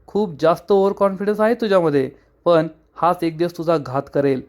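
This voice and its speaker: A man's voice: fairly high pitch, steady tone, fairly quick, darkish tone, close to an everyday voice. A man voicing a smug scheming woman. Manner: smug, mocking.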